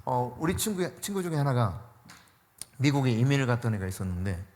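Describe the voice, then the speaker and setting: A man's voice: mid-range voice, big pitch swings, brisk, a little mellow. A male pastor preaching a sermon in a conversational way, stressing points by repeating key words. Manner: conversational, mixes casual and polite speech.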